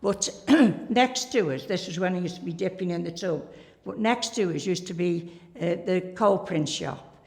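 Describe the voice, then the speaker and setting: A woman's voice: on the low side, normal speed, vocal fry, a little mellow. An older woman, telling rambling, chatty stories about her working days in an interview, full of "like" and "you know". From Staffordshire, England. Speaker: interviewee, former pottery worker. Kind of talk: reminiscing interview storytelling. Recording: reverberant room.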